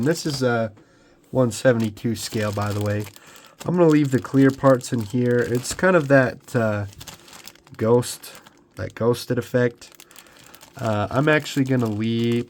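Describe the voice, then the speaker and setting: Slight background noise sits under this medium-pitched, slightly slow voice. A young scale modeler with a cold, sounding congested, rambles casually through an unboxing at his home hobby bench, relaxed and full of ums and restarts.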